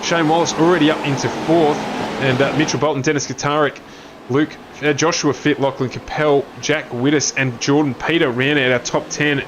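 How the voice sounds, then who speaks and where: A man's voice: steady tone, normal speed, background noise. A man commentating an online sim race, reading grid positions and calling incidents. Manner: reels off names, jumps in pitch at crashes.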